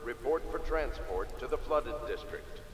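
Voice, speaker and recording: An actor playing a stern official announcer in a video game, reading a formal notice over a loudspeaker. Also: male voice, mid-range voice, expressive, unhurried. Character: stern official city public-address announcer. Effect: echoing loudspeaker. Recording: distant echoing loudspeaker, very loud noise.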